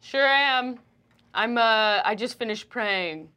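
A woman's voice: a little high, bright, forceful tone, clean tone, pitched above the performer's own voice. A woman voicing an earnest, devout teenage girl cleric who argues in a preachy way. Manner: earnest, preachy, quick retorts.

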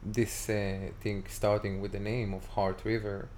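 A man in his forties with an Israeli accent, talking as a guest in a casual interview and often pausing to search for words. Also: on the low side, flat delivery, darkish tone, slight background noise. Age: 40s. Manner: halting, searching for words with many fillers.

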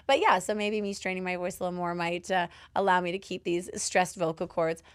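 A woman hosts a casual podcast chat with a hoarse, fairly low voice. She talks chattily, laughs often and swears casually. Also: steady tone, brisk. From Canada. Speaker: podcast host.

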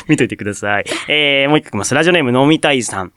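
A man's voice: mid-range voice, lively intonation, fast talker, pushed and bright, no echo, clean studio sound. A male radio host, chatting casually and reading out listener puns, laughing at his own jokes. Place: radio studio.

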